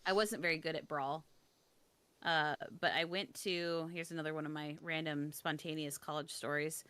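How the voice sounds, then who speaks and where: A young woman telling a story in casual chat, self-deprecating, with frequent quick restarts. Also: sits low, steady tone, fairly bright tone, smooth.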